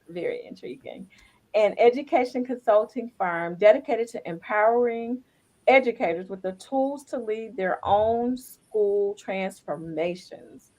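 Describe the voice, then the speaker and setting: A woman's voice: fairly high pitch, rough recording. A woman podcast co-host reading upbeat introductions of guests.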